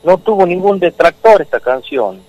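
A middle-aged man from Argentina with an Argentine Spanish accent, telling the story of his song in an animated way as a radio guest calling in by phone from outdoors. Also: sits high, normal speed, vocal fry, no echo, low-quality recording. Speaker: songwriter guest. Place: outdoors near a football pitch, windy.

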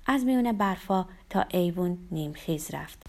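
A woman's voice: lowish voice, expressive, darkish tone. A woman narrating a first-person novel aloud in a wry, bitter, confessional manner. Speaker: audiobook narrator.

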